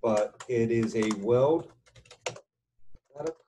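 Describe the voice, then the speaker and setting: Teaching slowly in a mellow, medium-pitched voice, a middle-aged structural engineering instructor walks through an informal tutorial on screen share from a computer indoors, on webcam. He's halting and deliberate, thinking aloud as he writes, with slight background noise.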